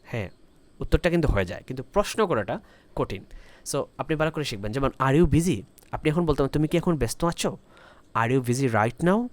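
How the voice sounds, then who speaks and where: A man teaching a spoken English lesson, explaining slowly and repeating each example sentence in both languages. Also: on the high side, lively intonation, no room sound.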